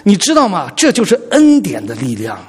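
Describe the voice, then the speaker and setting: A man's voice: high-pitched, fairly quick, breathy edge. A man preaching a sermon as pastor, telling stories animatedly and speaking straight to the congregation. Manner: animated storytelling preacher, addresses the congregation directly.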